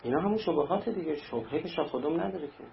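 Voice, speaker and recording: A man delivers a sermon in a rough, gravelly voice pitched a little above the usual male range. He talks to his listeners conversationally and slips into brief acted-out anecdotes. The sound is muffled and lo-fi, with faint ambience underneath. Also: lively intonation, slight background noise. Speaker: preacher. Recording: dull lo-fi recording with faint ambience.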